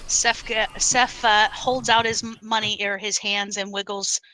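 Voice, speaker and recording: A woman player talking casually at a tabletop game, haltingly narrating her character in the third person. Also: medium pitch, level tone, bright, forceful tone, slight background noise, low-quality recording.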